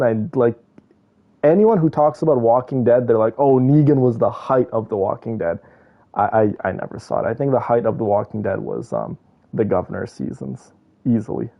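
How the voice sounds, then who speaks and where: While playing a game, a man chats casually with his stream viewers, rambling through his opinions in slang. His mid-pitched voice is creaky with vocal fry, and the sound is a little dull.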